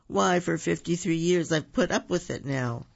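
A woman puts on a grumpy, sour storybook Grinch who snarls his lines. The voice is gravelly and husky, and comes through a dull, lo-fi recording. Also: lowish voice, moderate pace. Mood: fed up. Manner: snarling storybook read-aloud.

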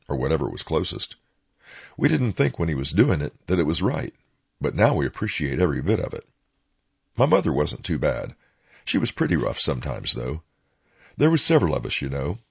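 A slightly dull, lo-fi recording of a man with an Appalachian accent. His voice is low and gravelly, with a raspy grain. He tells folksy first-person stories in plain-spoken country dialect. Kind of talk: folksy first-person oral-history storytelling.

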